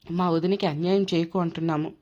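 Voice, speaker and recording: An outspoken, loyal young sister-in-law who stands up for the wife, read by a woman narrator. The voice is on the lower side, in a dull, lo-fi recording. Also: steady tone, fast, warm tone, lightly acted. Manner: outspoken, supportive.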